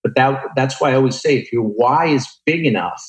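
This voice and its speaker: A man's voice: mid-range voice, fairly quick. Guy in his 40s doing earnest motivational talk in an interview, kinda echoey room, emphatic like he's teaching you. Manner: earnest, emphatic, instructive, with rhetorical check-ins. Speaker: interview guest, entrepreneur. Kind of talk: motivational personal storytelling in an interview. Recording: roomy, echoing sound.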